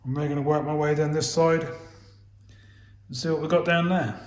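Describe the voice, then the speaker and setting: A man's voice: a little high, steady tone, unhurried. A man chatting casually while he restores and polishes a car in his workshop, a bit out of breath. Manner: chatty, down-to-earth, self-deprecating. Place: garage workshop. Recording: roomy workshop with clear background noise.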